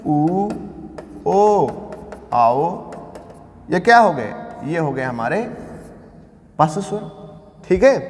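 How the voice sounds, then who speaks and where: Male grammar teacher, high voice, quizzes his class and answers himself, reverberant room. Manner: asks questions and answers them himself, repeating key terms. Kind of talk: classroom lecture.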